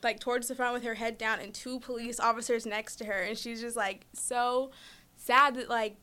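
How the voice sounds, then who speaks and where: A young woman in casual chat, telling a story in an animated way and laughing often. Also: a little high, normal speed, clear, resonant tone. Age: young adult.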